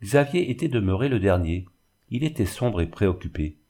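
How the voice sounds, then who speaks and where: A man reading a classic novel aloud in a steady, literary narration. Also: lowish voice, normal speed. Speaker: audiobook narrator. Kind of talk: scripted narration.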